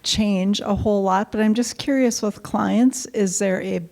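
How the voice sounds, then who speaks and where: A woman's voice: mid-range voice, steady tone, a little slow, creaky, a little mellow. A woman in the audience asking a curious question at a talk. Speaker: audience member. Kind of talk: question from the floor.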